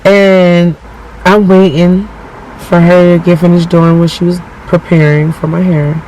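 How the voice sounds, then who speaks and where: A high-pitched man tells personal stories in a casual, slangy way. He swears freely and acts out other people's lines with animation. Faint noise sits behind the voice. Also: measured pace, poor audio. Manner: animated, profane, slangy, acts out quoted speech. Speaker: storyteller.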